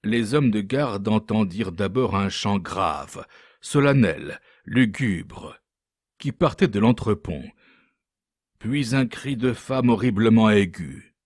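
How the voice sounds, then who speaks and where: Slow, low-voiced male audiobook narrator. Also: animated, a little mellow, no room sound, clean studio sound. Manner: measured, dramatic reading of classic literature. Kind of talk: scripted narration.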